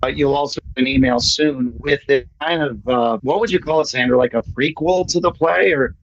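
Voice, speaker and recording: In muffled, lo-fi online meeting audio, an American man with a mid-range voice chats at a moderate pace. He is a playwright presenting his play, and he sounds casual, enthusiastic and jokey.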